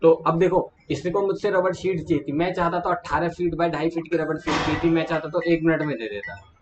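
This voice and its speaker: A man's voice: a little high, fairly quick. A man, casually retelling client conversations in a vlog and speaking to viewers like friends. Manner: chatty, retells client calls, addresses viewers as brother. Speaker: small manufacturer sharing business lessons. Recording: dull lo-fi sound with faint background hum.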